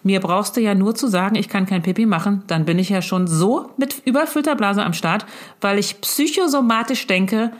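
A woman's voice: medium pitch, normal speed. A middle-aged woman, a mother, talking into a handheld phone to her grown daughter in a casual, effusive and rambling video message.

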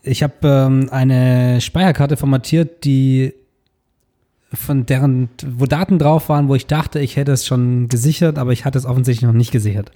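Young guy on a podcast, dark relaxed voice, just chatting casually. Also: medium pitch, normal speed. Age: young adult. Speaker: podcast co-host.

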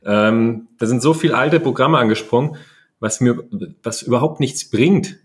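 A man co-hosting a casual coaching chat, talking in animated bursts and listing things in quick runs. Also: mid-range voice. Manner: German. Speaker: podcast co-host.

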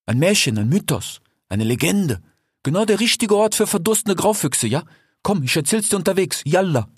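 A man voicing a chatty male desert fox trader in a storybook tale, his voice somewhat high and husky, recorded close and dry. He talks on and on, tossing a questioning "ja?" after nearly every phrase. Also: very animated, moderate pace, dry recording, exaggerated voice. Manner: chatty, ends phrases with 'ja?'. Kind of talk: audiobook fairy tale.

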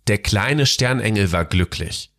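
A man narrating a Christmas storybook tale in a gentle, measured way. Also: fairly low pitch, lively intonation.

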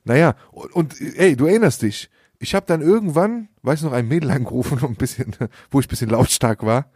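Lachender junger Mann, lässiger Slang. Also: male voice, medium pitch, expressive, fairly quick, darkish tone, slightly rough, dry recording, clean studio sound. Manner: slangy, laughs often, acts out quoted dialogue. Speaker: podcast host. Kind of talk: casual storytelling chat.

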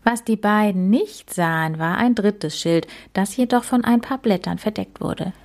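A woman reading a children's story aloud, gentle and unhurried. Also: medium pitch.

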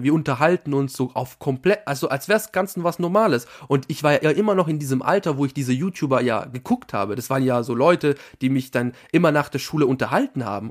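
A young man tells a personal anecdote straight to his viewers in a casual, animated way. His voice sits slightly high for a man. He often breaks off mid-sentence and restarts. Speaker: vlogger telling a story. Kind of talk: casual storytelling to camera.

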